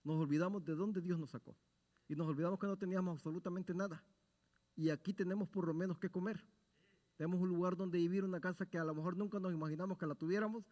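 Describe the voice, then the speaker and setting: A man's voice: sits high, steady tone, quick pace, a little mellow. A man teaching a Bible study sermon in an earnest, exhorting tone, asking his listeners rhetorical questions and answering them himself. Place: church sanctuary. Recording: long reverb of a church hall.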